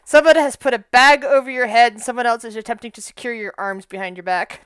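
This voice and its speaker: A woman acts as game master, narrating a tabletop game casually. Her voice is fairly high and smooth, with a close, dry sound. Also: quick pace, a bit bright, no room sound.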